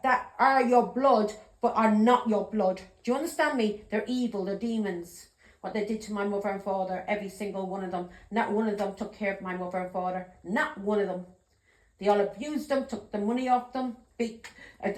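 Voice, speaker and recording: A middle-aged woman gives an emotional tarot reading monologue, talking bluntly and heatedly, swearing and often asking "yeah?". Her voice is a little high, and the low-quality recording has an echoey room sound.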